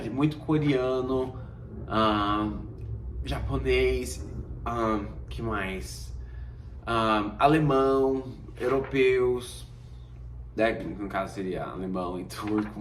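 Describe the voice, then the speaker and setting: A man's voice: mid-range voice, distant mic. A Brazilian man in his thirties, a vlogger casually telling a personal story and acting out the dialogue. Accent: Brazilian Portuguese. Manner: lively, acts out dialogue in quotes. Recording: roomy echo, away from mic, faint noise.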